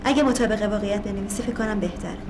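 An actress playing a reflective woman writer in a televised stage drama, speaking in a calm, musing manner. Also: medium pitch, background noise, lightly acted. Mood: teasing. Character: reflective woman writer recalling her own dreams.

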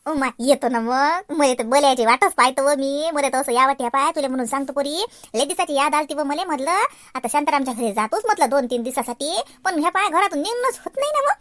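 A woman voicing a chatty, teasing old village aunt, with a Varhadi Marathi accent and a folksy, drawn-out way of talking, in a cartoon. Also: high voice, animated, a bit bright, no room sound.

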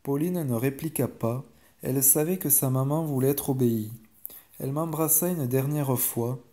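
Mellow-voiced male bedtime storyteller. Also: medium pitch. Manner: calm and measured.

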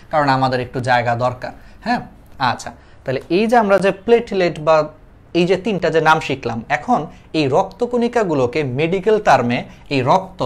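Young male tutor, Bangladeshi accent, a bit high-pitched, chatty, repeats terms and quizzes students. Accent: Bangladeshi Bengali. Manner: explains terms, repeats them, asks students questions; colloquial dialect forms mixed with English terms. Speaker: teacher. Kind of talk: online class lecture.

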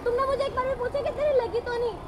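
A woman's voice: extremely high pitch, very fast. A woman arguing at the roadside, hurt and insistent. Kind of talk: heated roadside argument. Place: roadside outdoors. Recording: loud crowd and traffic noise.

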